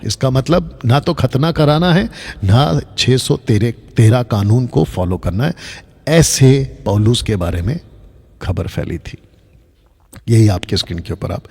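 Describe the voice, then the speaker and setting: A man's voice: mid-range voice, a little mellow, husky, in a large hall. A man teaching Bible lessons over slides, emphatic, repeating his points and asking rhetorical questions. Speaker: Bible teacher on a video channel.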